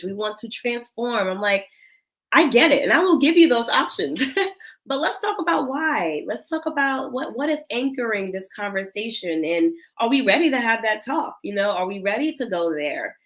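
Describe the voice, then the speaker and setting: A Senegalese woman in her thirties, founder of a cosmetics company, talks as a guest in an interview. Her mid-range voice has a fairly bright tone, and she comes across as earnest and reflective, with light laughs. The recording is rough.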